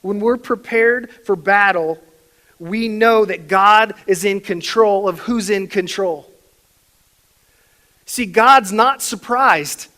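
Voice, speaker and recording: A pastor delivering a sermon, swinging between quiet reflection and emphatic, louder stretches. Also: male voice, high voice, slow pace, rough recording.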